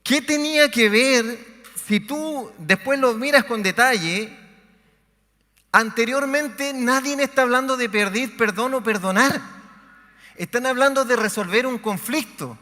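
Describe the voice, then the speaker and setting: A man preaching a sermon as pastor, reading scripture aloud with dramatic pauses on a convention stage mic. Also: extremely high pitch, pushed and bright. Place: large convention hall. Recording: convention hall reverb.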